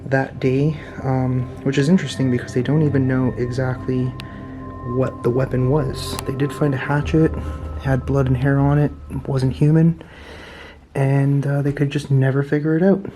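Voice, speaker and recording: A man giving a casual vlog tour in a hushed, low-key way that often drops toward a whisper, speaking indoors as an investigator and host. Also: little pitch movement, moderate pace, music in the background. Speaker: paranormal investigation vlogger, host. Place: indoors in an old house.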